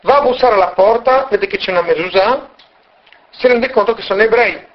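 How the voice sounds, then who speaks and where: High-voiced man telling a religious tale. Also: brisk, dull audio. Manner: animated storyteller acting out voices. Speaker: religious teacher. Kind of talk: storytelling lesson.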